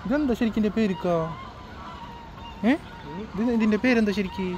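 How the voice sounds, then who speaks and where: Male vlogger, high voice, curious questioning, noisy outdoor phone audio. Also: moderate pace. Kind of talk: casual travel vlog chat. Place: outdoor lakeside park at night. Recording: phone video with loud outdoor background noise.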